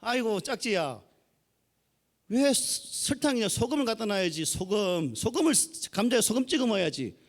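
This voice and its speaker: A man's voice: high voice, sing-song, moderate pace, pitched above the performer's own voice. A man voicing an exasperated husband with a Gyeongsang accent, scolding his wife in a joke. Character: bickering middle-aged husband over potatoes.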